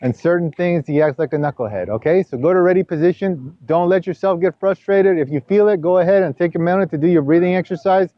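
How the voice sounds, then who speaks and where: A man's voice: quick pace, hardly any pauses. A man coaching a teenage player through drills, talking in rambling bursts with many restarts and rising sharply when he scolds. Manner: rises loud and high when scolding. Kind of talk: sports coaching session. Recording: dull lo-fi camera audio.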